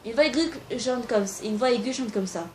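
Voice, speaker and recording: A woman's voice: on the high side, fairly quick, slight background noise. A young woman talking casually to camera and giving amateur singing tips, informal and a little hesitant, with frequent fillers.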